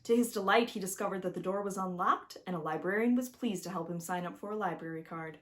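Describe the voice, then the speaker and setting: Reading aloud the children's storybook she wrote, a woman speaks quickly in a fairly low voice, with an expressive, emphatic delivery aimed straight at the listener.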